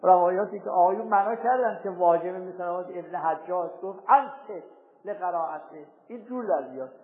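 A man teaching a seminary jurisprudence lesson, reciting Arabic texts slowly and deliberately, then explaining them in plain everyday speech. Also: high voice. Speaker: religious teacher. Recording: tinny phone-like recording with faint hiss.

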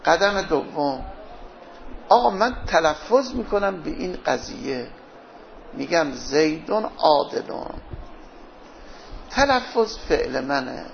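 Gravelly man lecturing in class. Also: on the high side, very animated, a little hiss or hum. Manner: asks questions and answers them himself. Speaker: teacher. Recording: dull lo-fi lecture recording.

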